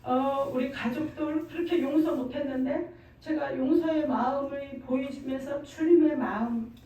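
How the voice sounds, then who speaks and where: A middle-aged woman with a high, mellow voice gives a fervent church testimony, pressing her points and repeating phrases. She stands well back from the mic, and her voice rings through a very echoey church hall. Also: normal speed. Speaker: testimony speaker. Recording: very echoey room, far from mic.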